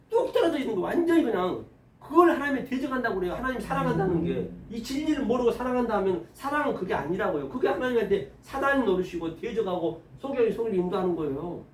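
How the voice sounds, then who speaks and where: A man preaching a sermon lecture, animated and colloquial, acting out Bible dialogue in rough everyday speech. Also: very high-pitched, reverberant, recorded from a distance, a little hiss or hum.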